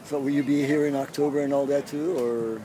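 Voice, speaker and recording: A man casually interviewing a vendor at an outdoor farmers market, speaking in halting phrases with false starts. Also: mid-range voice, steady tone, crowd noise. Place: outdoor farmers market beside a parking lot. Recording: outdoor traffic noise. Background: street and vehicle sounds.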